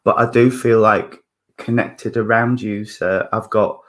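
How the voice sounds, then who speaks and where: A husky-voiced man in his fifties gives a spiritualist mediumship reading, thinking aloud haltingly with many fillers and restarts. His voice is lowish and a bit bright, with fairly even intonation.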